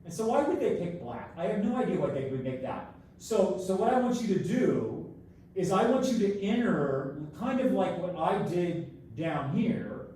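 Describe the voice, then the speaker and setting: A man teaches an online math class and repeats each step more than once. He stands away from the camera mic, so his voice echoes as if he were in a tunnel. His voice is a bit higher than most men's, with a faint hiss in the background. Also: big pitch swings, moderate pace, mellow. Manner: repeats each instruction several times. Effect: echoing tunnel-like sound from a distant camera mic. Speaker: college math instructor. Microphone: built-in camera microphone across the room. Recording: very echoey room, far from mic, faint noise.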